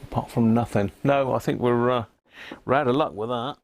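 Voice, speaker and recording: A British man with a medium-pitched voice hosts a casual livestream showing his radio gear, talking a little fast. He thinks aloud in a rambling, self-mocking mutter.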